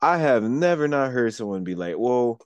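A man's voice: medium pitch, very animated, moderate pace, clean tone, no room sound. A man co-hosting a casual podcast speaks in an ordinary mid-range voice. He talks bluntly, swears freely and likes to play devil's advocate. His voice is recorded close and dry, with no room sound. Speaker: podcast co-host. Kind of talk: casual chat.

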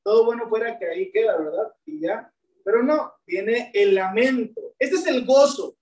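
High-voiced woman preaching in an echoey hall. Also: moderate pace, a little mellow. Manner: asks the congregation rhetorical questions, addresses them as brethren. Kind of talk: sermon. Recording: echoey room, voice from a distance.

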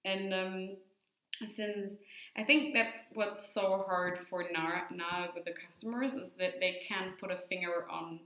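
A woman's voice: mid-range voice, fairly even intonation, a little slow, bright, forceful tone, roomy sound. A woman winemaker in casual conversation, thinking aloud with hesitant fillers.

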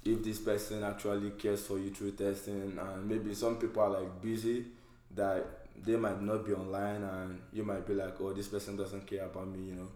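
A man's voice: fairly low pitch, little pitch movement, moderate pace, mellow. A man leading a casual group discussion, talking loosely with lots of "like" and "you know". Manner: conversational, many fillers like "like" and "you know". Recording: echoey room.

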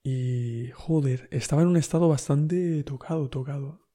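Dark-voiced man from Spain, slangy. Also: fairly high pitch, moderate pace. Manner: slangy, rambling, peppered with fillers and "bro". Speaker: podcast host. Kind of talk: casual monologue storytelling.

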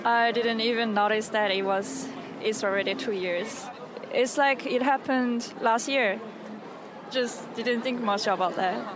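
A woman with a Korean accent, speaking English as a second language, answering a street interview slowly and carefully. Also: fairly high pitch, steady tone. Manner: slow, careful, thoughtful. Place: city street outdoors. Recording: busy street crowd noise.

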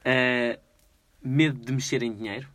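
A man with a European Portuguese accent hosting a casual quiz, playful and jokey, slowing down over hard words. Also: mid-range voice, steady tone, background noise. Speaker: quiz host.

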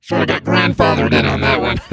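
A man voicing a gleeful, boastful male Christmas demon who hosts a comedy show, talking in a growling, mocking rasp with many cackles. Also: moderate pace, over a noisy crowd, lightly acted. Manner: mocking, cackling, rambling menace. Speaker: show host.

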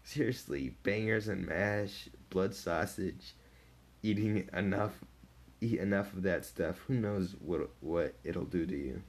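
A man's voice: deep voice, measured pace, husky, full character voice. A man reading the lines of a breezy, irreverent male superhero in a casual, joking way. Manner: wisecracking, casual.

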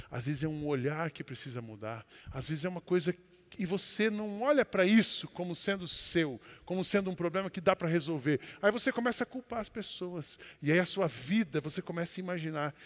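A man with a Brazilian accent, a pastor preaching a sermon and telling a personal story, with sudden loud exclamations between quieter asides. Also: on the high side, a little fast. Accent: Brazilian Portuguese. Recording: long hall reverb.

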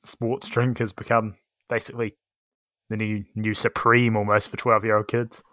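A young man co-hosting a casual podcast, easygoing and quick to laugh. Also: lowish voice, no echo. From New Zealand. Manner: relaxed, easygoing, laughs often. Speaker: podcast co-host. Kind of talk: casual chat.

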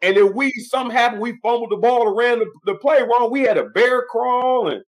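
A man's voice: very high-pitched, fairly quick. A man from the Midwest, a guest on a casual podcast, telling loose stories in a laid-back way. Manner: laid-back, storytelling, talks in loose run-on sentences.

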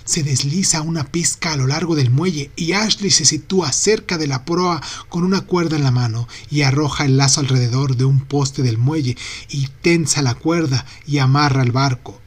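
A man narrating a literary novel in a steady, unhurried reading voice. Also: medium pitch, breathy edge. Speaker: audiobook narrator.

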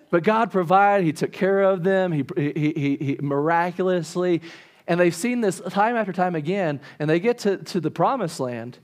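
A man in his thirties delivers a sermon with a high, bright pitch. He tells the story with energy and acts out the people's complaints, stumbling over repeated words and restarting as he goes. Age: 30s. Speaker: pastor.

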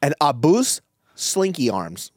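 A man's voice: fairly high pitch, very animated, slow pace, dry recording. A man co-hosting a casual sports podcast who swears freely and tells stories, close to the mic. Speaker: podcast co-host. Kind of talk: casual chat.

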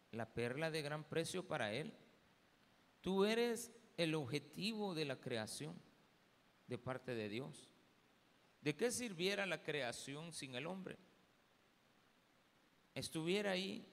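Man, Salvadoran Spanish accent, pastor preaching, slow, deliberate, long church-hall reverb. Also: mid-range voice, gravelly, fairly bright tone. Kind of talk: sermon with scripture reading and prayer. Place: church sanctuary.

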